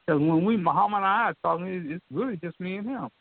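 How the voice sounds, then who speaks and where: An older man telling an animated story in a folksy way, repeating himself and addressing the listener directly. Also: sits high, fast, creaky, dry recording. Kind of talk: excited storytelling. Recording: dry, tinny phone line.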